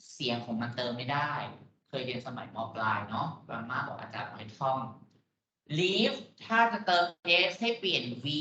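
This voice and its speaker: A man's voice: medium pitch, sharp tone. A man with a Thai accent teaching English pronunciation in a lecture, patiently explaining and repeating words. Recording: echoey room, dull lo-fi audio.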